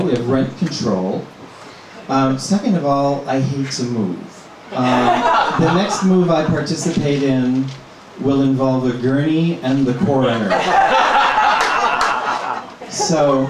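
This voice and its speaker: A middle-aged man from Minnesota performing a stand-up comedy set in a small club, talking in a halting, deadpan way full of ums. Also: medium pitch, background noise. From Minnesota, USA. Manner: halting, filler-heavy, deadpan delivery. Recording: very echoey room, mic from a distance.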